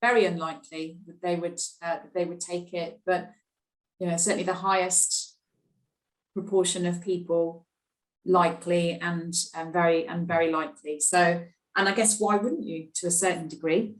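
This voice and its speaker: A woman's voice: lowish voice, steady tone, moderate pace, roomy sound, rough recording. A woman moderating a webinar, running polls and handing over to speakers in a friendly way. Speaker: host.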